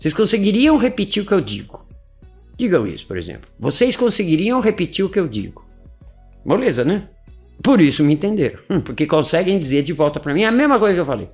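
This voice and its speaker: A man teaching English in an informal video lecture, animated and full of rhetorical questions. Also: high-pitched, fast talker, faint music behind. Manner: animated, asks rhetorical questions, chuckles often.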